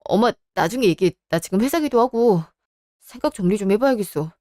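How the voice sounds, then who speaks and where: A woman's voice: mid-range voice, expressive, brisk, mellow, dry recording, studio quality, natural voice. A woman voicing an apologetic, evasive young husband who stammers in a radio drama. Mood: defensive. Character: sheepish young married man, defensive husband.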